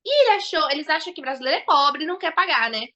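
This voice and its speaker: A woman's voice: high voice, racing, dull audio. A Brazilian woman with a Brazilian Portuguese accent, a podcast guest chatting over a video call and telling stories with quoted dialogue. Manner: animated storyteller, acts out quoted dialogue. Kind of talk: casual podcast chat.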